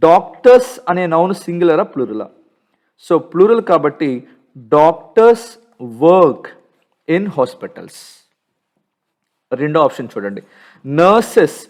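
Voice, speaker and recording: A man's voice: on the high side, darkish tone. A man with a Telugu accent teaching English grammar from a textbook, who keeps asking his students questions and answering them himself.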